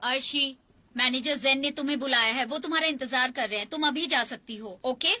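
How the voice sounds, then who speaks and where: A woman dubbing a bossy young female office coworker who gives brisk instructions, over background music. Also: high-pitched, bright, forceful tone, heavily acted. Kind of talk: Hindi dub of a drama. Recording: music under dialogue.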